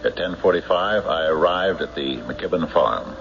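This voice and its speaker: A noisy, muffled vintage recording captures an actor with a low, animated male voice as a methodical, stubbornly skeptical county sheriff in an old-time radio drama. He delivers formal police-report narration in a deliberate, official manner, with hesitant questioning.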